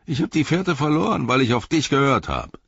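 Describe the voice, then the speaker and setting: A sullen little orc tracker snarls out resentful complaints in a high, raspy voice, swinging his pitch wildly up and down, as a male audiobook reader puts him on. The voice is dry and dull, with no room around it. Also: expressive, fairly quick, fairly bright tone, no echo, full character voice. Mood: griping. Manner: growling, resentful griping.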